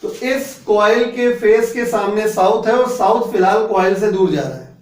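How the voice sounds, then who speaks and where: High-voiced male teacher in an echoey classroom. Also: normal speed, a little mellow. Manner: explains step by step, keeps checking students follow. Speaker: physics teacher. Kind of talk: classroom lecture. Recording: echoey room, voice a bit distant.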